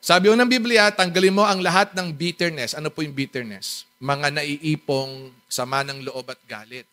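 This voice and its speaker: A man with a high voice preaches with a Filipino accent, reading English Bible verses and then explaining them. He often turns to the congregation with questions and small jokes. He moves back and forth between loud, emphatic lines and quiet, soft asides. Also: normal speed. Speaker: pastor. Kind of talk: Tagalog sermon mixing in English.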